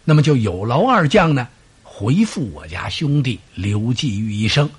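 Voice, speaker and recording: A man's voice: mid-range voice, big pitch swings, normal speed, breathy edge, voice pushed down. A man voicing a genial, scheming middle-aged warlord with an affable, sighing manner, in a traditional storytelling performance.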